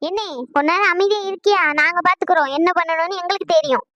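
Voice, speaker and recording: Woman as brash young sister, quarrelsome, high, dry cartoon dub. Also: bright, forceful tone, no echo, highs cut off. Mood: bossy. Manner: bossy, quarrelsome, fast.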